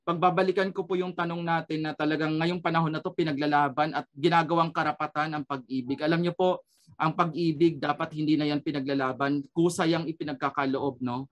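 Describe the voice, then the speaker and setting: A man's voice: on the high side, steady tone, fairly quick, highs cut off. A man sharing an earnest personal testimony as a radio program guest, switching between Tagalog and English and often adding a questioning "no?".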